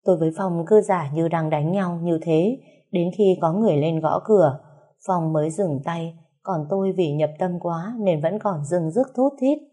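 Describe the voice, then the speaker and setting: Woman narrator, plaintive first-person story, low mellow voice. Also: measured pace. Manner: emotional, wronged, plaintive.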